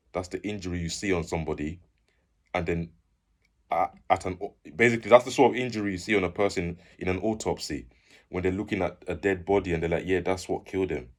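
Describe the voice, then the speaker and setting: A young man telling a personal story casually, lively and acting out the people he quotes. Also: low voice. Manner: animated, acts out quoted people in raised voices. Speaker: fitness channel host.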